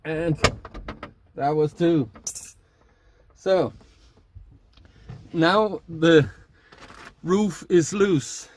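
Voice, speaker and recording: A middle-aged man speaks haltingly in a casual demonstration vlog, recorded inside a small minivan camper. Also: on the high side, a little mellow, a little hiss or hum. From Denmark. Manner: hesitant, halting delivery while working. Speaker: vlogger. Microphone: camera a short distance away.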